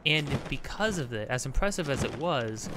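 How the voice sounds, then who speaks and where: A man's voice: medium pitch, animated, moderate pace, heavy background noise. A man hosting a let's play, chatting casually while he plays, rambling with many fillers and restarts. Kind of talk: casual gameplay commentary.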